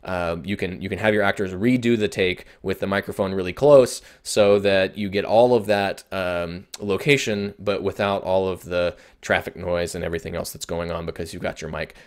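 A man's voice: sits low, steady tone, moderate pace, hardly any pauses, smooth. A man explaining audio recording techniques in a conversational lesson, with frequent fillers and restarts. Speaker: instructor. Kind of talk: video production lesson.

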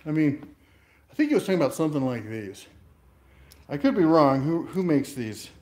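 A man's voice: a little high, sing-song, normal speed, darkish tone. A man hosting a casual tool review in a home workshop, talking while he works and cracking jokes at himself. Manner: wisecracking, talks while working.

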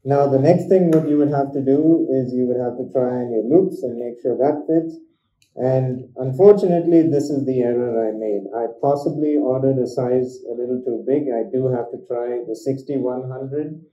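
A man's voice: mid-range voice, normal speed, mellow. A man, a dentist, talking through a face mask in a casual review, explaining step by step as he demonstrates. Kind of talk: casual product review vlog. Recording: roomy, dull lo-fi sound.

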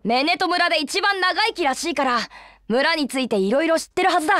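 A woman voicing an eager, loud, friendly village youngster in a video game, with boisterous, boyish casual speech. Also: extremely high pitch, lively intonation, quick pace, dry recording, clean studio sound. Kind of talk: video game character acting.

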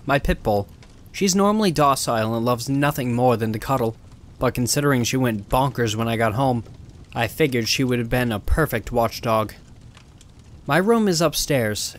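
A man narrates a first-person horror tale in a steady, measured voice. His pitch sits in an ordinary middle range for a man.

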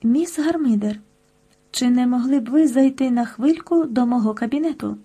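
A woman's voice: high-pitched, normal speed, mellow, husky. A woman reading the lines of a fussy middle-aged male school headmaster in a children's audiobook, addressing the class formally and a little sternly.

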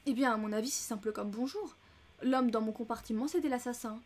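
A woman's voice: fairly high pitch, brisk, natural voice. A woman reading as a fussy, chatty older American lady. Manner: chatty and indignant. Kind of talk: audiobook character reading.

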